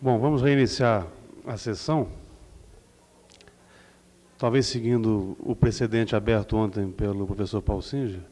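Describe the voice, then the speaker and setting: A man chairing an academic seminar, opening the floor to audience questions in a relaxed, informal way. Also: on the low side. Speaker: session chair. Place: seminar hall.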